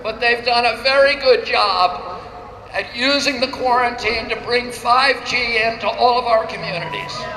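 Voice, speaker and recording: High bright-voiced guy giving a rally speech outdoors, short punchy phrases, echoey loudspeaker sound. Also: a little hiss or hum. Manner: declamatory, pausing after each phrase for translation. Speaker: speaker at a protest rally. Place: outdoor street demonstration.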